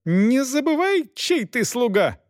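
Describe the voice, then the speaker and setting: A man's voice: very high voice, big pitch swings, measured pace, dry recording, studio quality, voice pushed up, exaggerated voice. A man voicing a stubborn, haughty young noblewoman who shrieks with indignation in an audiobook. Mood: shrieking.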